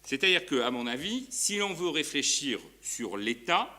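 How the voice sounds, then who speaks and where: A man's voice: on the high side, sing-song, moderate pace, bright, forceful tone. A man giving an academic conference talk as a law professor, hesitant, with frequent fillers and restarts. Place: university lecture hall.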